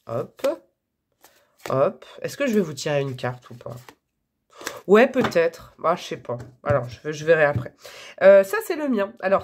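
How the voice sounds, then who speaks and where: A woman reading tarot for her viewers in a chatty, casual way, with many fillers and frequent laughs. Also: on the low side. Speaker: tarot reader.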